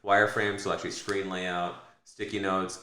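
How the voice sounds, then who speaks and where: A man's voice: low voice, flat delivery, normal speed, sharp tone, roomy sound. An American man co-hosting a casual podcast, rambling and correcting himself with lots of fillers. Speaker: podcast co-host.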